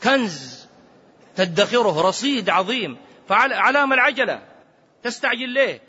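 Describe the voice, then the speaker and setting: A man, a sheikh giving a lively religious lesson, switching between everyday speech and chanted quotations. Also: sits high, normal speed, breathy edge. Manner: lively, mixes colloquial Arabic with quoted scripture, chants some phrases. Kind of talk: sermon-style religious lesson. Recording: lo-fi recording in a reverberant hall.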